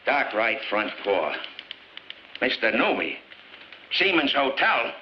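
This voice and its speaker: An actor playing a gruff, sarcastic veteran police captain, an older man trading screwball comedy banter in a 1950s film. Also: medium pitch, sing-song, slow. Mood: dry, impatient. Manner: wisecracking, gruff, slangy. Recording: dull, noisy 1950s film soundtrack.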